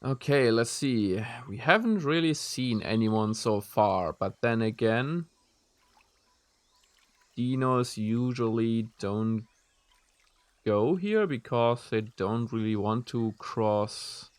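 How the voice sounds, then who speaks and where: A German-speaking man streams a video game, rambling as he thinks aloud and answering chat messages from his viewers while he plays. His medium-pitched voice is animated but slow-paced, with no room sound in this casual live-stream chat.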